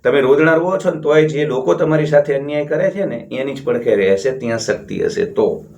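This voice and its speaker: A man from India delivers a blunt motivational monologue to his channel's viewers. He talks in a scornful, emphatic way and repeats words to drive each point home. His voice sits in a middle pitch. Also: expressive, fairly quick, creaky, darkish tone, lo-fi sound. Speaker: motivational channel host and counselor.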